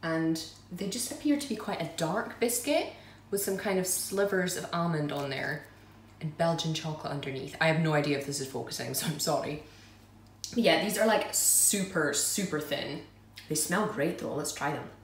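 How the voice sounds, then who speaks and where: A woman's voice: sits low, moderate pace. A woman chatting casually as she unboxes and tastes snacks, self-deprecating and giggly. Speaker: food vlogger. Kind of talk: casual unboxing and tasting review. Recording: roomy echo, mic at a distance, faint noise.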